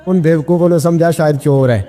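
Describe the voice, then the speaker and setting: Man, preacher, from Pakistan, emphatic storytelling sermon, soft music behind. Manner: emphatic, voice climbs high at emotional peaks. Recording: long hall reverb with music behind.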